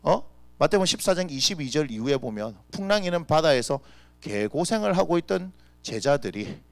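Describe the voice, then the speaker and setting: A male pastor preaching a lively, conversational sermon full of rhetorical questions. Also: fairly high pitch, brisk, vocal fry, no echo. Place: church.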